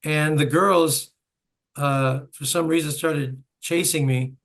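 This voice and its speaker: A man's voice: a little high, steady tone, slow, a bit bright. A man in his seventies hosting an interview, telling stories with chuckling asides. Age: 70s. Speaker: host and bandleader. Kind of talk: reminiscing interview chat.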